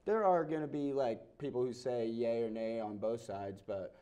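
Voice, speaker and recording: A man's voice: medium pitch, normal speed, dark tone, clean tone, lo-fi sound. A young man on a sports panel, laid back and full of fillers. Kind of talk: casual sports chat.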